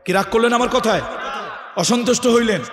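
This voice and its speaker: A man with a Bangladeshi regional accent preaches in a high voice, piling up emphatic repeated phrases that rise to loud peaks. His voice rings through a large hall with a long, echoing tail. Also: a little fast, crowd noise. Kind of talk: sermon. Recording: echoey hall, reverb.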